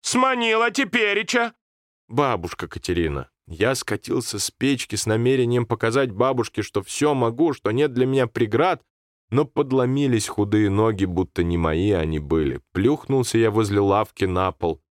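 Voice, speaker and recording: A man narrating a story aloud in a calm, steady reading voice. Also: on the low side, normal speed, no echo, studio quality.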